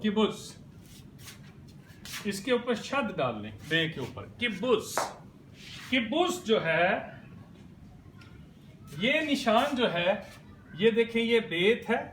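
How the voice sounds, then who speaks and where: A man, a pastor, teaching a language lesson, explaining each sound slowly and repeating it patiently while quizzing his viewers. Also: sits high, fairly bright tone. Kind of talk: slow classroom explanation. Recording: echoey room with faint ambient noise.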